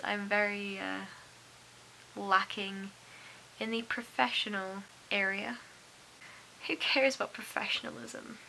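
A woman's voice: medium pitch, creaky, sharp tone, slight background noise, low-quality recording. Tired young woman rambling to a webcam. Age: young adult. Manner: rambling, chatty, sleepy and self-deprecating, with frequent "like". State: tired, a bit wheezy and coughy. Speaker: vlogger. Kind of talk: casual diary vlog. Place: bedroom at night. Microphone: webcam close to the face.

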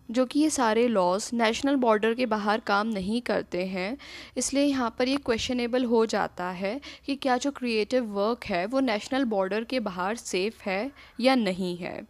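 Indian woman lecturing over slides. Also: on the high side. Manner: steady explanatory delivery, reads English headings slowly. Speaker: law lecturer. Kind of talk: slide-based lecture narration.

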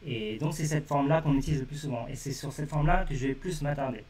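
Man teaching slowly in an echoey room. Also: mid-range voice, a little mellow, recorded from a distance, slight background noise. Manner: repetitive step-by-step explaining, addresses viewers directly. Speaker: language teacher. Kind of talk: live-streamed lesson. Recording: echoey room, speaking away from the mic.

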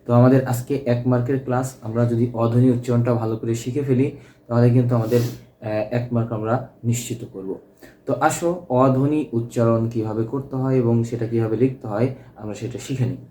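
A man's voice: mid-range voice, fairly even intonation, fast, mellow, echoey room. A man teaching a grammar lesson, explaining step by step and checking that students follow. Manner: explanatory, repeats key points and checks with "ঠিক আছে?".

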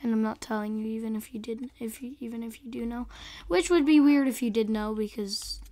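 A young woman with a hoarse, squeaky voice that breaks into a whispery rasp, giving excitable, chatty, casual commentary on a game. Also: fairly quick. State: hoarse, losing voice. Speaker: gaming video host.

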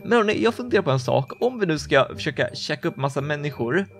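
A young-sounding man with a fairly high voice narrates his game live, reacting quickly and eagerly to each moment. Soft music plays faintly beneath his commentary. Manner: excitable, quick reactions, gasps and laughs. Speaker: gaming YouTuber. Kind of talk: excited gameplay commentary.

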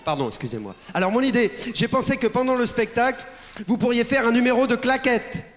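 Man playing Monsieur Merlu, squeaky pushy sidekick. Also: fairly quick. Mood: insistent. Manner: insistent, excitable, shouting. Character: eager pushy clown-like stage sidekick man. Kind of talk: live stage comedy sketch. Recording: live theatre hall with audience.

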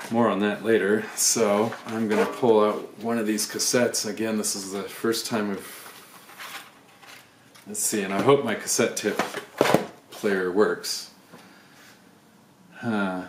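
A man thinking aloud with wry asides while unboxing items on camera. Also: fairly low pitch. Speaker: video creator unboxing items. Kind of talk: casual unboxing commentary. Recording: roomy echo, faint background noise.

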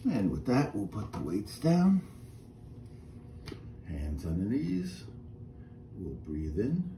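A middle-aged man leading a seated exercise class, giving calm step-by-step cues and breathing counts, recorded by a camera a few feet away in a small room. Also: on the low side, slow pace. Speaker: fitness instructor. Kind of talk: guided chair exercise class. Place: small indoor room with a painted wall. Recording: roomy echo, faint room noise.

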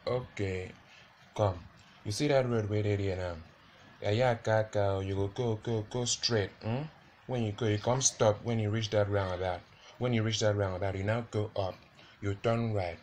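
Comedy bit: a Nigerian Pidgin man, played by a guy, giving long-winded directions, low voice. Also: fairly even intonation, a little hiss or hum, lightly acted. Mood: helpful. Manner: drawn-out, repetitive pointing talk.

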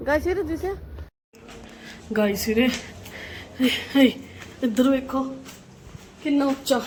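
A woman vlogger with a Punjabi accent and a very high voice. She talks in a loud, dramatic way, exclaiming and repeating phrases to her viewers. There is faint noise behind her. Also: expressive, unhurried. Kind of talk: casual vlog chat.

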